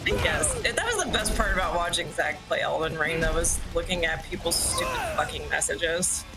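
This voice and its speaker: A woman's voice: fairly low pitch, expressive, brisk, low-quality recording. A woman chatting casually while watching a game stream, rambling with fillers and frequent laughter. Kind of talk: casual chat. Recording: game music playing behind.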